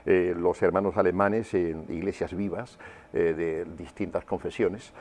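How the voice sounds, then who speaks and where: An older man from Huelva, in Andalusia, Spain, speaks in a low, deep, slightly mellow voice with fairly even intonation. As an interview guest he gives personal testimony, pausing and searching for words while reflecting on his memories.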